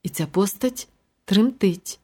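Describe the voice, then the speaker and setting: A woman reads a novel aloud in the first person. Her telling is wry and ironic. Her voice sits at an ordinary middle pitch. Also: animated, slow pace, warm tone, husky. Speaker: audiobook narrator. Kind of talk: first-person audiobook narration.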